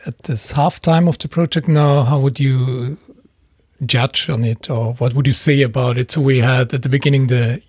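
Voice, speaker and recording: Husky dark-voiced male podcast host. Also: mid-range voice, steady tone, dry recording. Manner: measured, asks long questions with pauses. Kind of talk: hosting a group interview.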